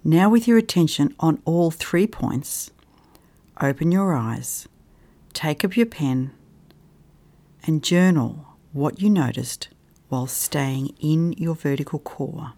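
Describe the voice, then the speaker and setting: A meditation guide speaking at a very unhurried pace, leaving long pauses between short phrases. The voice sits at a middle pitch and stays soft and calm, now and then sinking into a gentle whisper.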